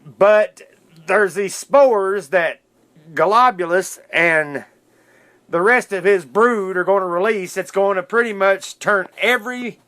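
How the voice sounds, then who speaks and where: Sitting high and a bit bright, this man's voice carries his casual solo podcast. He's an enthusiast retelling cartoon history in informal, loosely worded talk.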